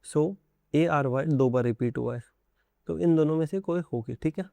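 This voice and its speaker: A man's voice: on the high side, moderate pace, vocal fry, dark tone, no echo. A young man from India with an Indian accent, teaching an exam-prep lesson and explaining in a direct way to his students. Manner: mixes English terms into Hindi, addresses students directly.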